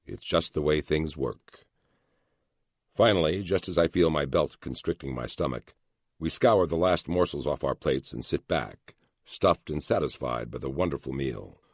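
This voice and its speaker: Extremely deep, gravelly male narrator. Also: dry recording, clean studio sound. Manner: measured, steady storytelling. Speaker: audiobook narrator. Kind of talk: first-person thriller audiobook narration.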